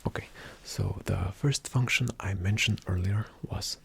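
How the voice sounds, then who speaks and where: A man with a deep voice performs a whispered ASMR roleplay as a calm, attentive spy agent briefing a partner, giving hushed, deliberate instructions. His voice is soft, breathy, and slightly creaky, with slight background noise.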